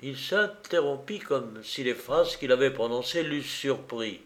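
A man narrating a novel in a deliberate, even-toned reading. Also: medium pitch. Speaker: audiobook narrator. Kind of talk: scripted narration.

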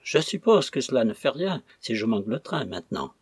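A man's voice: medium pitch, big pitch swings, brisk, breathy edge, dry recording, studio quality. A man voicing an elderly captain's wife in an audiobook, speaking cheerfully and kindly.

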